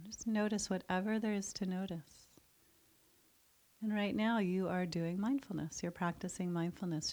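There are long pauses between each of her phrases as a woman slowly and softly guides a mindfulness meditation. Her soothing voice rests slightly low.

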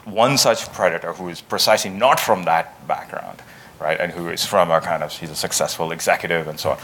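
Man, deep low voice, interviewer, conversational, hesitant, halting, long careful questions, faint noisy background. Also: fairly bright tone. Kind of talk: conversational discussion before an audience.

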